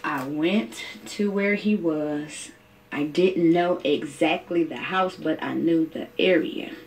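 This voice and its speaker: Low-voiced woman recalling a painful night. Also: slow, recorded from a distance, a little hiss or hum, low-quality recording. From Oakland, California. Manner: emotional, vivid storytelling. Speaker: interviewee, mother. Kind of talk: personal testimony.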